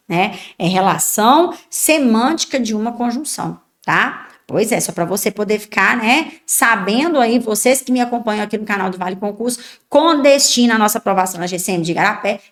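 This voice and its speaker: A Brazilian woman teaching an exam prep lesson, explaining step by step and checking in with frequent tag questions. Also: on the high side. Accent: Brazilian Portuguese. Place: online class video.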